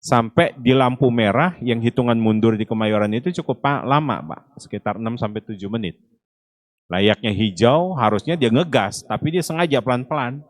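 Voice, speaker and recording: A man's voice: mid-range voice, normal speed, dry recording. Storytelling preacher man. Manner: lively storyteller acting out dialogue. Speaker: Islamic preacher. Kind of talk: storytelling sermon. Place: mosque.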